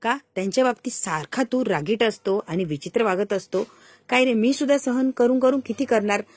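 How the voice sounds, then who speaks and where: A woman's voice: fairly high pitch, fairly quick, darkish tone, husky, no room sound. A woman voicing a hot-headed young husband who pleads and then scolds, repeating himself, in a storytelling retelling. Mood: angry.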